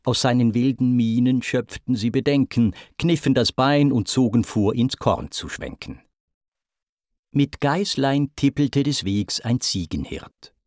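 A man narrating epic verse in a measured, theatrical recitation with swelling emphasis. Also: medium pitch, darkish tone, dry recording, studio quality. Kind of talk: dramatic reading of German epic verse.

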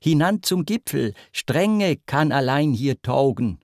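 A man's voice: medium pitch, animated, slow, a little mellow, dry recording, studio quality. A man voicing a young woman from myth, coy and pleading in a raised, imploring voice. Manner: raised, imploring, sighing delivery.

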